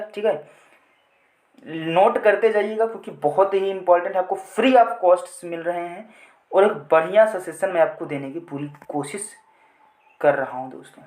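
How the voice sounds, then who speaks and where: A man's voice: high-pitched, roomy sound. A male teacher giving an English lesson in Hindi, repeating points and answering his own questions as he drills his viewers. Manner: addresses viewers as friends.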